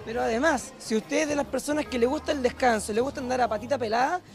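A young Chilean-accented TV reporter walks through an indoor craft fair hall with a handheld mic, pitching it to viewers in a promotional walkthrough. He talks quickly with vocal fry, upbeat and persuasive, addressing the audience directly over background music.

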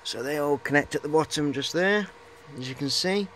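A fortysomething man with a fairly high, fairly bright voice speaks at a moderate pace, chatting casually and hesitantly in a matey, rambling way. He's a hobbyist showing off high-voltage equipment in a cluttered indoor workshop. It's filmed on a handheld camera held at arm's length, with clear background noise.

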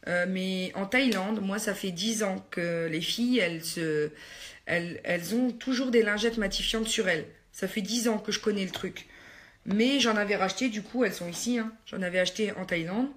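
A beauty vlogger chats casually with her viewers while doing her makeup in a get-ready-with-me video. Her mid-range voice moves at a moderate pace, hesitant with lots of fillers, and she teases herself in asides.

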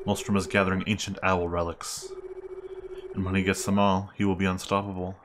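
A man reading out a video game's grave, courteous former pirate in a measured, formal way. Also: low voice, flat delivery, close to an everyday voice. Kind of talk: reading game dialogue aloud. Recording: clear background noise.

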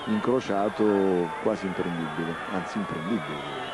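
Low-voiced middle-aged man, football pundit. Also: moderate pace. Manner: reflective, explanatory, conversational. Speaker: co-commentator, former footballer. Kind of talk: analytical football commentary. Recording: clear outdoor stadium noise.

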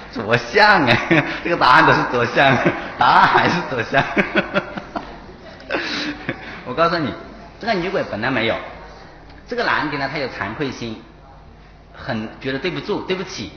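A man's voice: mid-range voice, lively intonation, fairly quick, pushed and bright. A man, a Buddhist monk with a Taiwanese Mandarin accent, giving a dharma talk and telling parables, chuckling at his own points. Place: temple lecture hall. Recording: echoey hall, dull lo-fi, faint hiss.

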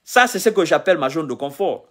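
A fast-talking man with a somewhat high, slightly bright voice and lively intonation delivers a heated rant. The Guinean political commentator, in his thirties, lectures and repeats himself in a selfie live video, shot on a phone held at arm's length while he sits on a sofa in a small room.

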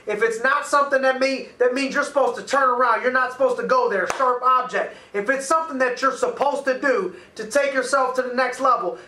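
A man in his thirties coaching to camera with a high, bright, punchy voice, driving each point home with energy. He talks in a small office that sounds echoey, his voice picked up from a few feet away. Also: recorded from a distance. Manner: energetic, emphatic, gesturing with his hands. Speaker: motivational coach and host. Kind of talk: motivational talk to camera. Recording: echoey room, voice a little off-mic.

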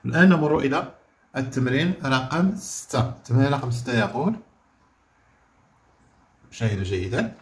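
Moroccan man teaching a slow-spoken lesson. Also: mid-range voice, animated. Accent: Moroccan Arabic. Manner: explains with questions, repeats words slowly for dictation. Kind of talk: classroom grammar lesson. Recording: echoey room.

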